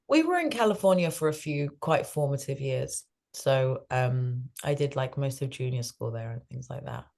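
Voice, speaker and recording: Low-voiced thoughtful woman guest. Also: expressive, normal speed, creaky, darkish tone. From grew up between the US and the UK. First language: Farsi. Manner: thoughtful, self-correcting. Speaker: guest, behaviour change specialist. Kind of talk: conversational interview answers.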